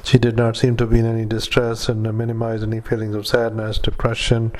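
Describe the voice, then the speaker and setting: A male doctor dictating medical notes into a dictaphone recording, halting with many fillers and self-corrections. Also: on the low side, monotone, a little mellow.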